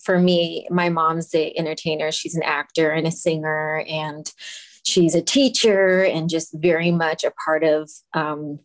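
A woman's voice: sits low, level tone, measured pace. A woman musician from Los Angeles being interviewed over a video call, talking casually with frequent laughs and ums. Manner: warm, laughs often, many ums. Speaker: musician guest.

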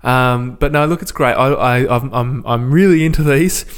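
A man's voice: mid-range voice, normal speed, clean tone. A male podcast co-host chatting casually about cricket, laid-back and jokey.

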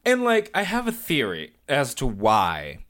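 A man in his thirties co-hosting a podcast in casual chat, animated and laughing often. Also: medium pitch, unhurried. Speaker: podcast co-host.

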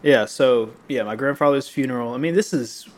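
A young man in casual chat, telling a long story with lots of fillers and restarts, and a slightly rough voice that he often clears. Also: medium pitch, moderate pace, a little hiss or hum. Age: young adult. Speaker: podcast co-host.

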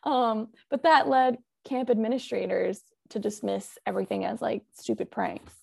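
A woman's voice: mid-range voice, normal speed, gravelly, breathy edge. A young woman podcast host telling a true-crime case in a chatty, casual way, full of "like" and "um". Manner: chatty, full of "like" and "um", laughs often.

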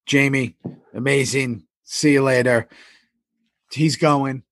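A man's voice: medium pitch, steady tone, slow pace, no room sound. A man co-hosting a podcast, telling stories in a casual, conversational way. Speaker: podcast co-host. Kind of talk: casual chat, storytelling.

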